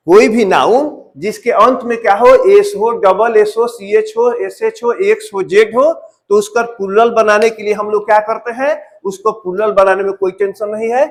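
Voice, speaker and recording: High-voiced male teacher explaining step by step. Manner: repetitive, asks questions and answers them himself. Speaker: English grammar teacher. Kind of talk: classroom-style grammar lesson.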